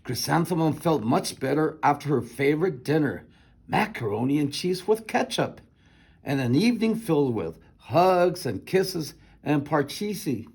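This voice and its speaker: A man reading a children's picture book aloud in an expressive narrating style. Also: a little high, moderate pace, creaky, slightly rough. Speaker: storybook reader.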